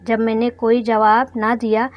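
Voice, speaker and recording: A woman's voice: on the high side, level tone, a little slow, no echo, muffled recording. A woman telling an emotional story in the first person, earnest and heartfelt.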